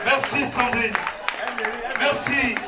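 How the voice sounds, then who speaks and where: A man's voice: extremely high pitch, steady tone, slow pace. A man from Cameroon with a Cameroonian French accent, working as a wedding MC and joking with the crowd and calling for applause. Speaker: wedding MC and comedian. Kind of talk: stand-up comedy at a wedding. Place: wedding reception hall. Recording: roomy hall from far off, noisy crowd.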